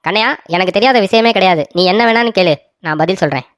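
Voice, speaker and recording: A woman's voice: medium pitch, fast, no room sound, clean studio sound, close to an everyday voice. A woman voicing a whiny, boastful old man. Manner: whiny and boastful, repeats himself. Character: old village man, proud but easily hurt. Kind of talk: cartoon story voice acting.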